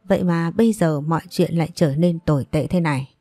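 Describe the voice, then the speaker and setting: A woman reading a story aloud in a steady, even narrating voice, with faint music behind. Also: deep voice, a little fast, dry recording. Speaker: audiobook narrator.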